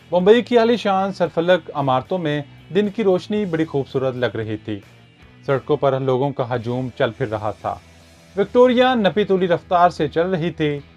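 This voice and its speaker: A man narrating a story in an expressive, storytelling manner, over dull lo-fi audio with faint music. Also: mid-range voice.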